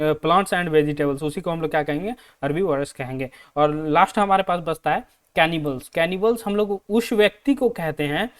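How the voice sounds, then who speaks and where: An Indian man with a Hindi accent, teaching an exam-prep lesson in Hindi and English. He asks his own questions and answers them, and reads the English sentences out slowly. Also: high voice. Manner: repeats questions to students and answers them himself.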